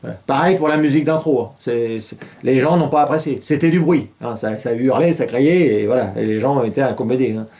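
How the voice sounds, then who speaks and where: A man's voice: medium pitch, a little fast, few pauses, mellow. A middle-aged man hosting a casual satirical news show, rambling and irreverent, with many hesitations and chuckles. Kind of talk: casual mock newscast.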